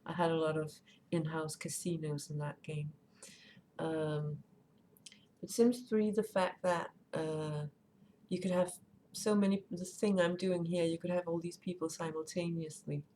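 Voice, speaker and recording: A woman streamer whose first language is Danish speaks in a low, somewhat slow, mellow voice with long pauses. She rambles casually as she plays and reads chat aloud, over faint background noise.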